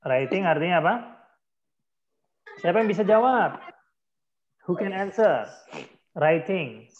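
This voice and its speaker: A man with an Indonesian accent teaching an English lesson in an online class, speaking English phrases slowly and deliberately and clearing his throat often. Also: sits high, lively intonation, phone-quality sound.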